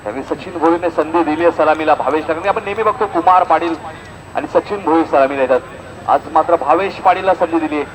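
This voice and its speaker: Speaking quickly in a fairly high voice, a man with a Maharashtrian accent calls live ball-by-ball cricket commentary. He's at an outdoor ground, and the recording picks up plenty of noise from the venue.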